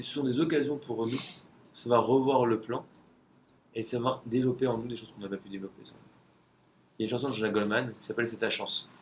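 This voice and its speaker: A man's voice: on the low side, creaky, slight background noise. A man giving a conversational religious lesson, asking rhetorical questions and sometimes searching for words.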